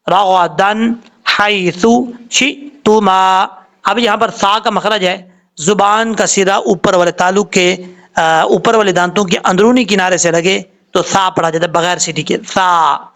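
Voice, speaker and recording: A man teaching a tajweed lesson, spelling out letters and vowel marks before he draws the recited words out slowly. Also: sits high, fairly bright tone. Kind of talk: slow step-by-step tajweed lesson.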